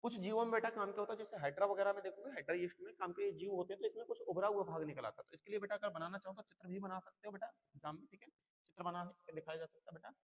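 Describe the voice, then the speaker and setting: A male teacher on a long revision lecture, his voice sitting a little higher than most men's. He keeps calling the students "beta" and repeats each key term several times. The sound rings out with a long hall reverb. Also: very fast, lo-fi sound. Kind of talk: exam-prep lecture.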